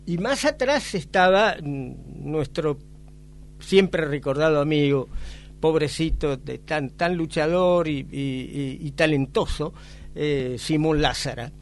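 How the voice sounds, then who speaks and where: A man's voice: on the high side, slow pace. An older man with an Argentine Spanish accent, recalling events as an interview guest, hesitant with many filler sounds. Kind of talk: conversational recollection.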